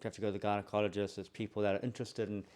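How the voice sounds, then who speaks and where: A man's voice: on the low side, level tone, very fast, a little mellow. A man who is a podcast guest, chatting casually and enthusiastically affirming the host. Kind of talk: casual chat.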